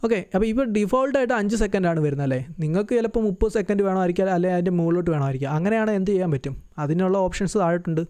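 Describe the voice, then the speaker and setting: A man hosting a screen-recorded software tutorial, talking through each step in a chatty way and correcting himself as he goes. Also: high voice, animated, racing, few pauses, smooth, dry recording. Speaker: tutorial host.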